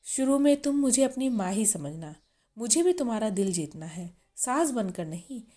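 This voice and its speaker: A woman reading the lines of a kind, loving middle-aged mother-in-law in a storybook, with a soft, reassuring manner. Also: a little high, very animated, moderate pace. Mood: warm.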